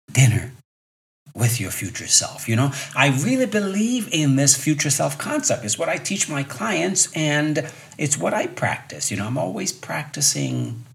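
A man in his fifties, a fitness coach, hosts a solo motivational podcast in a gravelly, medium-pitched voice. He talks conversationally but emphatically, using rhetorical questions and repeating his key points.

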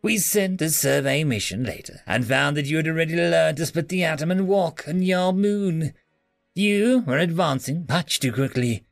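A man's voice: fairly high pitch, normal speed, vocal fry, dry recording, studio quality, soft background music, voice pushed up. A man voicing a proud, contemptuous male alien prisoner who speaks with disdain. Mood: scornful. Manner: haughty, disdainful.

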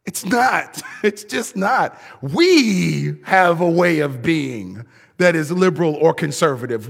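A man preaching a sermon in an emphatic, lively way, often laughing between words. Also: sits high, vocal fry. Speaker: pastor. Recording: long hall reverb.

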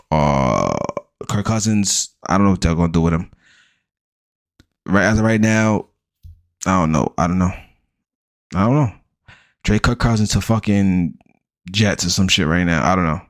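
Man, very low voice, casual profane sports talk, blunt, rattles off stats. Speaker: fantasy football podcast host.

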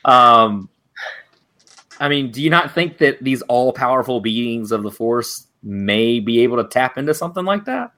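A man co-hosting a casual fan podcast, animated and laughing often. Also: moderate pace. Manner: animated, laughs often, acts out quotes in a higher voice. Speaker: podcast co-host.

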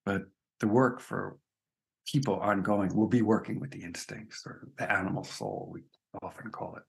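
A man's voice: on the low side, fairly even intonation, normal speed, gravelly. A man speaking as a spiritual teacher in an interview, earnest and emphatic, often checking in with "right?". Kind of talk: reflective conversation.

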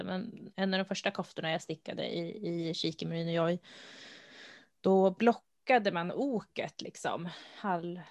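A woman co-hosting a casual chat, speaking in a relaxed, thoughtful way with hesitant fillers. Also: fairly low pitch, no echo. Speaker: podcast co-host. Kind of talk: casual chat about knitting.

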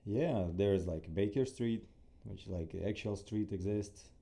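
Low, dark-voiced man with Ukrainian accent. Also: slow, creaky. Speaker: interview guest, athlete. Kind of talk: casual conversational interview answers.

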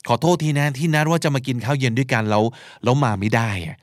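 A man's voice: mid-range voice, fast, no echo, clean studio sound. A man hosting a podcast, teaching and explaining vocabulary, spelling out words and acting out short examples. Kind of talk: explanatory language lesson talk.

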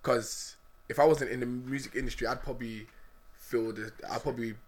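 A man's voice: mid-range voice, steady tone, a little fast. A man with a London accent giving reflective, casual opinions with slangy tags. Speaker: music industry guest.

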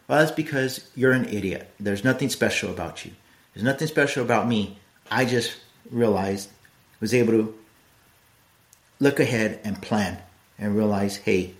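A middle-aged man hosting a podcast, talking in a blunt, rambling and earnest casual monologue. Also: on the low side. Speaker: podcast host.

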